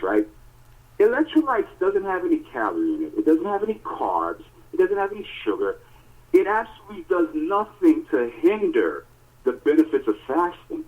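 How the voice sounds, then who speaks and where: Over a tinny phone line, a man with a fairly high, husky voice co-hosts a podcast. He tells stories casually and emphatically, animated and full of fillers.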